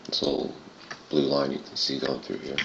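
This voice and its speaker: A man with an extremely low, gravelly voice walks through a software tutorial in a casual style. His throaty tone comes through a dull, lo-fi home recording with roomy echo. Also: completely flat delivery, moderate pace. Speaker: tutorial presenter. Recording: muffled, roomy home recording with clear noise.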